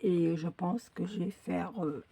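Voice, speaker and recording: A woman's voice: on the low side, a little slow, vocal fry, dark tone, slight background noise. A woman chatting casually in a craft video, her speech slightly impeded by braces and mouth sores, hesitating and articulating with effort. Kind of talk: casual unboxing chat.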